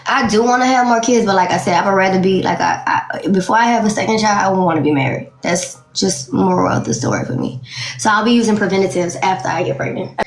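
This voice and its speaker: A woman's voice: medium pitch, fast talker. A woman in her late twenties speaking bluntly and candidly in a casual interview, laughing often. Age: 20s. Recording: roomy echo.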